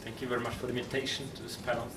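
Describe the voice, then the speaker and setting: A man with a Czech accent giving formal panel remarks in halting, deliberate phrases. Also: medium pitch, flat delivery. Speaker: politician, panelist. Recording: echoey, noisy room, distant mic.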